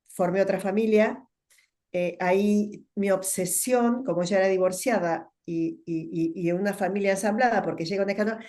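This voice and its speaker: A middle-aged woman with a Rioplatense Spanish accent, a guest telling her story in a thoughtful interview, often pausing and repeating words as she searches for them. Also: medium pitch, a little mellow. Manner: thoughtful, with many fillers and repetitions. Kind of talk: reflective conversational interview.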